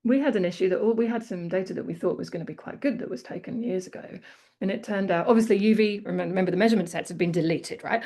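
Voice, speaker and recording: A woman's voice: mid-range voice, fast talker, dark tone. Australian woman, conference presenter, candid and conversational, mid-range voice. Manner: candid, conversational, many fillers like "like". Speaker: conference speaker. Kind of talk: conference talk and Q&A chat.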